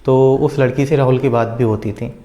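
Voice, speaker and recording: A man casually retelling a story out loud, with a rambling flow full of filler words and small hesitations. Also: medium pitch, steady tone, normal speed.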